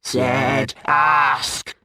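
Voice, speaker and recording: A woman voicing a hulking, fierce female beast that growls out slow, halting words. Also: very deep voice, fairly even intonation, sharp tone, no echo, clean studio sound, pitched below the performer's own voice, exaggerated voice. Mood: growling.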